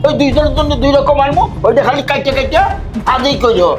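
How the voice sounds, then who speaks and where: A man's voice: very high-pitched, fast talker, loud music behind the voice. A man playing an exasperated, grumbling father-in-law in a comedy short film. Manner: exasperated, complaining.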